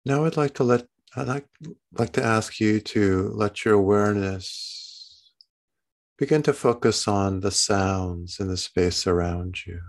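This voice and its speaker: Slow, low-voiced man guiding meditation. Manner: gentle, soothing bedtime-narrator delivery with long pauses. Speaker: meditation guide. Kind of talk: guided body-scan meditation, unscripted.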